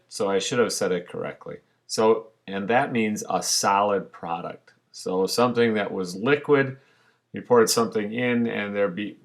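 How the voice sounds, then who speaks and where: Man, science teacher, recorded slide lesson, patient explanations, lowish voice. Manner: patient, explanatory, with frequent fillers.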